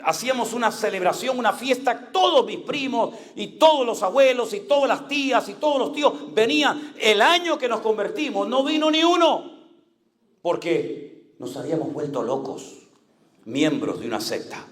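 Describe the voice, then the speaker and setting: A man with a high voice and a Canary Islands Spanish accent preaches a sermon. He moves from loud, raised calls to quiet, low-pitched asides. His delivery is dramatic, with sudden changes in loudness. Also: big pitch swings, normal speed, reverberant. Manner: dramatic, swings from loud high cries to low hushed tones. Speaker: pastor.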